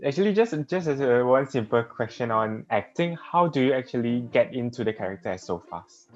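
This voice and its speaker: A man's voice: medium pitch, animated, a little fast, muffled recording. A man asking a question on a video call in a friendly, hesitant way. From Malaysia. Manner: friendly and hesitant, with light laughs.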